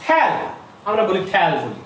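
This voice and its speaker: শিক্ষক, উঁচু ও ওঠানামা করা কণ্ঠস্বর. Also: male voice, high-pitched, wildly swooping pitch, fairly bright tone. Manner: explains slowly, repeats terms, asks students questions. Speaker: teacher. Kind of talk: grammar lesson for school students. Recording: distant, echoey room with faint noise.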